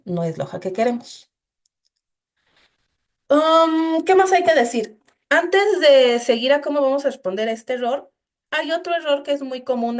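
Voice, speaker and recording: A woman leads a coding class over a shared screen. Her voice sits a bit high, and she walks students through each step in a patient, explanatory way, leaning on "entonces" as she goes. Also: darkish tone. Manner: explanatory, addresses students directly with frequent "entonces". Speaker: instructor.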